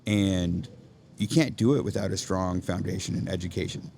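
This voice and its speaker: Deep-voiced and somewhat dark in tone, this podcast guest talks at a moderate pace about education over slight background noise in a coffee shop. He leads an education nonprofit and speaks earnestly in a casual interview, checking in with "right?" as he works through his thoughts.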